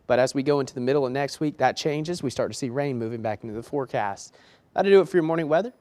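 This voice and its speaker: A man's voice: medium pitch, quick pace, darkish tone. A man delivering a TV weather report as a forecaster, in a chatty, conversational on-air manner.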